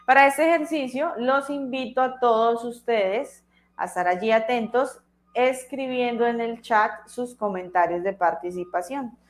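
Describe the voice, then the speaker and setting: A woman, teaching an online English class, speaking slowly and carefully and repeating words so students can hear how they are pronounced. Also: fairly high pitch. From Colombia. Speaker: English tutor.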